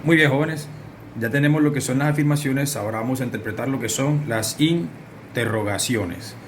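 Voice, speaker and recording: A man's voice: mid-range voice, fairly quick, a little hiss or hum. A man, teaching a recorded English lesson and explaining directly to his students.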